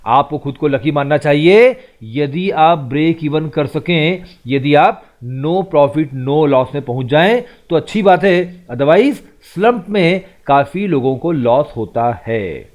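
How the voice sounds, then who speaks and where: Man teaching phrases slowly. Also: fairly high pitch, lively intonation, a little mellow. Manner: reads English examples slowly, explains quickly in Hindi. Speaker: English teacher. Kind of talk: bilingual vocabulary lesson.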